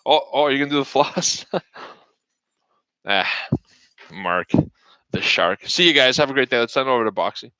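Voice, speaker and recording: A man's voice: medium pitch, a little fast, pauses often, bright, forceful tone, clear, resonant tone, dry recording, lo-fi sound. A man hosting a live trading show, giving casual market commentary with jokes and greeting viewers by name. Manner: joking, chatty, talks to viewers by name. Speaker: stock trading show host.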